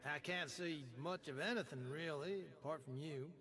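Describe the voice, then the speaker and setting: Man playing a breezy, cheerful ghost sailor, higher-pitched. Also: moderate pace, fairly bright tone, lightly acted. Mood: puzzled. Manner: breezy, chatty, mildly puzzled. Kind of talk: video game character dialogue.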